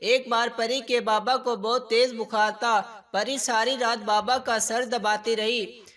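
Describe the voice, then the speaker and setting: A man narrating a family story in a plain, steady reading voice. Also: very high-pitched, unhurried.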